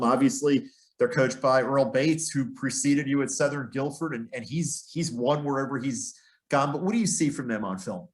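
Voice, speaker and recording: A man conducts a sports interview in a voice of average pitch. He sets up each question conversationally, as an interviewer speaking to a guest. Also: darkish tone.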